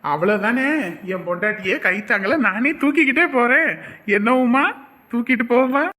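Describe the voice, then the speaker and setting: A woman's voice: fairly high pitch, moderate pace, pushed and bright. A woman voicing an anxious, doting young village husband in a cartoon who argues with his mother. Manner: exasperated, fussing, pleading. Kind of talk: cartoon voice acting.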